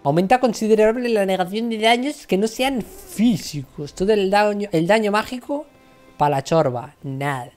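A woman's voice: mid-range voice, normal speed, darkish tone, soft background music. A young woman with a Spain Spanish accent chatting and complaining dramatically while streaming a game, swearing freely. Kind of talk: live game stream commentary.

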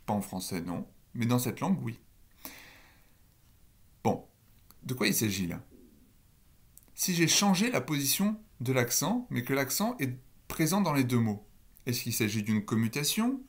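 A man giving a recorded university lecture on phonology, explaining step by step and asking the listeners questions. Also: medium pitch.

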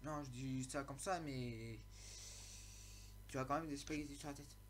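A man's voice: medium pitch, fairly even intonation, normal speed, a little hiss or hum. A man casually commenting on a game he plays, rambling and flustered, often laughing at his own slips. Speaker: let's play host.

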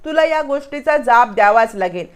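A woman's voice: fairly high pitch, expressive, fairly quick, smooth, lightly acted. A woman reading the lines of a headstrong young bride who demands answers in a retold serial. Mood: confronting. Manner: demanding, confrontational.

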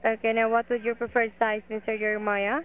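A woman's voice: a little high, flat delivery. Woman heard over a tinny phone line. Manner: brisk, runs through questions from a script. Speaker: telemarketer taking a brace order. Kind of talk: scripted sales call.

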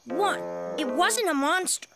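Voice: very high-pitched, measured pace. A curious young boy cat sleuth. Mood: reassuring. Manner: calm, reassuring, clear diction. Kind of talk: cartoon voice acting. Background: music.

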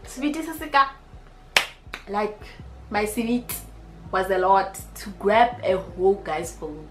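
A young South African woman with a South African accent, telling a storytime vlog in an animated, slangy way with lots of repetition. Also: a little high. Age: young adult. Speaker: YouTuber. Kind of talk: storytime vlog, casual chat. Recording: echoey room with faint music.

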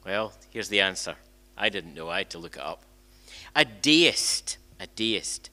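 A low-pitched, sharp-toned older man preaches a little slowly, his intonation lively. He's a minister giving a conversational sermon in an indoor church sanctuary, picked up by a gooseneck lectern mic, with frequent restarts, repeated phrases and rhetorical questions.

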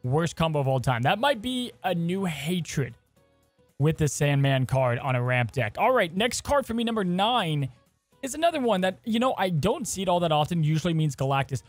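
A man with a fairly high voice co-hosts a gaming podcast, talking in a lively, joking way. The sound is dry and close, with faint music underneath. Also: normal speed, no room sound. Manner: animated, jokey, hosting segments. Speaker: podcast co-host. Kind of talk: casual gaming podcast chat.

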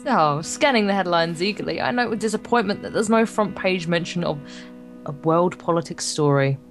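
Faint music sits behind this woman's fairly low voice as she goes through a visual novel for a Let's Play. She keeps a moderate pace, reading the game's text aloud and breaking in with informal jokes and the occasional stumble.

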